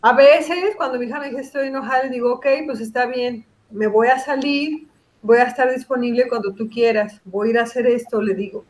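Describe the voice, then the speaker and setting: A middle-aged woman talks as a guest psychologist on a casual podcast. She is reflective and explains her ideas through examples and quoted dialogue, in a slightly high voice. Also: fairly even intonation, fairly quick, a little mellow.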